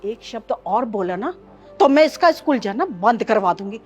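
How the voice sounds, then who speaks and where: A woman's voice: on the high side, lively intonation, normal speed, husky, soft background music. A harsh scolding grandmother. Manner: scolding, contemptuous, sharp commands. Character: harsh, bitter grandmother who scorns girls. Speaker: mother-in-law. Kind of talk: family short-film acting.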